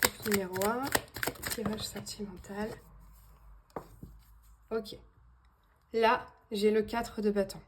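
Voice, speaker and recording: A woman's voice: mid-range voice, steady tone, slow pace, long pauses, slight background noise. A woman giving a casual tarot reading to her viewers, hesitant, with many fillers and restarts. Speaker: tarot card reader.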